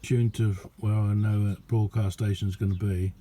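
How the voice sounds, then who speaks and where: A middle-aged man with a fairly low voice that barely moves in pitch chats at a moderate pace about his amateur radio kit, rambling in an understated, self-deprecating way. The casual hands-on video is filmed in a small indoor radio room with a noisy background.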